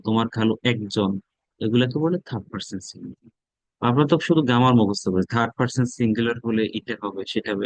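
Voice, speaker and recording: A man's voice: medium pitch, no echo, poor audio. A man with a Bangladeshi accent teaching a spoken English class. He drills words aloud and repeats them. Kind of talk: classroom lesson.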